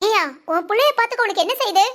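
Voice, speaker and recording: A woman's voice: extremely high pitch, lively intonation, racing, a bit bright. A woman voicing a cold, demanding mother-in-law who gives curt orders in a cartoon family drama. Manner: commanding, curt.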